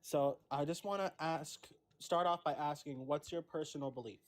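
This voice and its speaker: A man's voice: a little high, normal speed. Young man, nineteen, caller, hesitant, repetitive. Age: young adult. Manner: hesitant, repeats himself.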